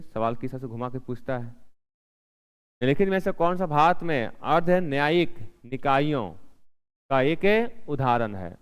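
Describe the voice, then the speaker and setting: A man's voice: mid-range voice, smooth, long reverb tail. A male teacher leading an exam-prep lesson, asking questions and answering them himself, repeating the key answers.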